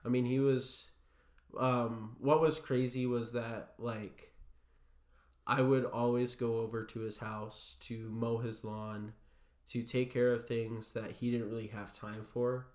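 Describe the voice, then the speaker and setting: A young man being interviewed, telling a personal story in a halting way full of fillers. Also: medium pitch, flat delivery, darkish tone. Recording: roomy echo.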